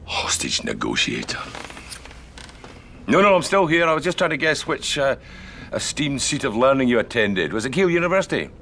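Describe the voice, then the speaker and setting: An actor with a Scottish accent playing a prisoner who holds a hostage, sing-song and mocking, swinging from jovial to threatening. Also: male voice, mid-range voice, huge pitch swings, brisk, creaky, fairly bright tone, slight background noise, heavily acted. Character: charming, menacing male prisoner holding a hostage. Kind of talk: television sitcom acting.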